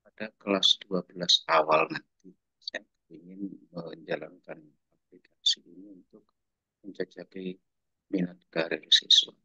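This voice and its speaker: A man, a high school teacher, asking a question during a webinar over a video call that glitches and breaks up, speaking in halting bursts as he searches for words. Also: steady tone, sharp tone, husky, no echo. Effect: choppy, glitching call audio that breaks up. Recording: dull lo-fi dry online call.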